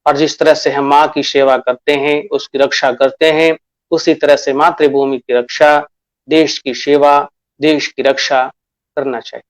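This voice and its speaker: Slow, deliberate male teacher. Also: on the high side, flat delivery. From Bihar, India. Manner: slow and deliberate, addresses pupils as children; repeats key phrases and asks questions to himself. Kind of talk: classroom lesson.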